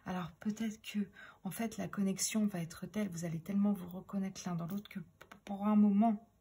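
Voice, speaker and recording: A woman's voice: medium pitch, steady tone, normal speed, mellow, breathy edge. A woman giving a tarot reading in French, musing aloud as she turns the cards, often dropping into a whisper. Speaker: tarot reader.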